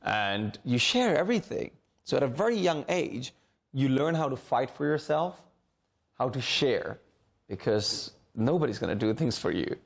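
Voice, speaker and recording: A man's voice: medium pitch, big pitch swings, normal speed, vocal fry. Man, middle-aged, from Hong Kong, alumnus speaker, earnest, repeats words, seated in a school library, mic a few meters off. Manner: earnest, repeats words while searching for phrasing. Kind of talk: informal talk to students.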